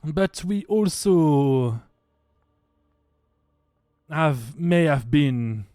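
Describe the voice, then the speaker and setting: Man playing a solemn clan guardian woman, slow measured speech, hesitant, dry sound. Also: a little high, animated, warm tone, dry recording. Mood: solemn wary.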